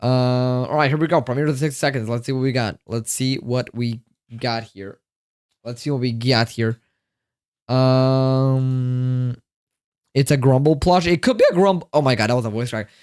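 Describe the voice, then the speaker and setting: Tired male livestreamer, rambles and repeats lines to chat; smooth voice, dry close sound. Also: mid-range voice, fairly even intonation, moderate pace, a little mellow, no room sound.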